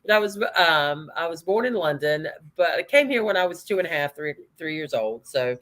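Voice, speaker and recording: Lady sales coach, lowish voice, chatty storyteller guest. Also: expressive, normal speed, fairly bright tone. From North Carolina, USA.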